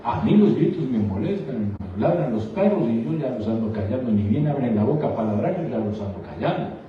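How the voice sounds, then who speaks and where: A male pastor preaching fervently, calling listeners brother and asking rhetorical questions, swinging from quiet lines to loud exclamations. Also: medium pitch, lively intonation, brisk. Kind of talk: sermon. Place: church sanctuary. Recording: echoey church hall, distant mic, slightly dull.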